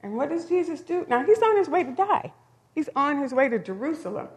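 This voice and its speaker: A woman's voice: high voice, sing-song, brisk. A woman preaching a sermon in a conversational, storytelling way, with emphatic rises. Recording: long hall reverb.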